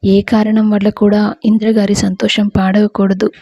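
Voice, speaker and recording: A woman's voice: mid-range voice, level tone, moderate pace, slightly rough, no room sound, highs cut off. A woman voicing an earnest, stubborn young woman in love who speaks firmly, in a Telugu audio story. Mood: determined.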